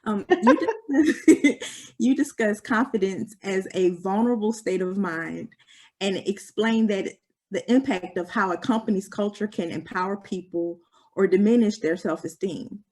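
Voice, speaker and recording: A woman hosting an interview, asking the guest polite, measured questions. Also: mid-range voice, darkish tone. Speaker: host interviewer.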